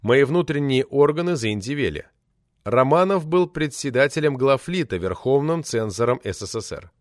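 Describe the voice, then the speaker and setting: A man narrating a satirical novel in the first person, reading with lively, ironic expression. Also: medium pitch, moderate pace, dry recording, studio quality. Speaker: audiobook narrator.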